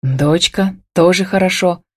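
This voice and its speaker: A woman narrator voicing a gruff, domineering man who growls curt replies. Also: sits low, expressive, moderate pace, a little mellow, no echo, clean studio sound.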